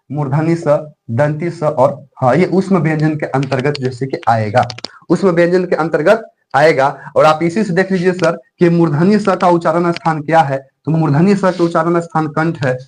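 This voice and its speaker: A man with a notably high voice teaches Hindi grammar in a repetitive, quiz-style lesson, stretching letter sounds out for pronunciation drills. He keeps turning to the viewers with questions and friendly address. Faint hiss and clicks sit under the recording. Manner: repetitive, quizzes viewers, frequent filler phrases and "my friend". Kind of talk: online exam-prep lesson.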